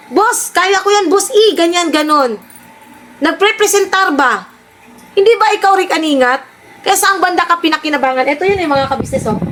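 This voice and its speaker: High-voiced woman, teasing vlogger. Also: bright, forceful tone, slight background noise. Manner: teasing, sarcastic, laughing. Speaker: vlogger reacting to clips. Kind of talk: mocking reaction commentary.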